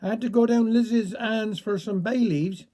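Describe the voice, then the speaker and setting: A man's voice: high voice, fairly even intonation, normal speed, dark tone, lightly acted. A man voicing a fussing Cornish village woman who chatters in a flustered rush.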